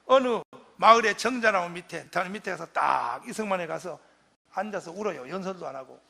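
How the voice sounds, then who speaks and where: A man, a pastor, giving a fiery patriotic lecture, shouting and leading the crowd in chanted responses. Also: high-pitched, animated, brisk, creaky. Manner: acts out quoted voices.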